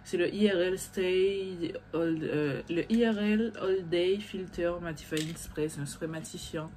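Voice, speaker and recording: Chatty young woman vlogger, slightly low. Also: unhurried, darkish tone, slight background noise. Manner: chatty, rambling, swears when annoyed. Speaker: beauty vlogger. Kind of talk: casual chat to camera.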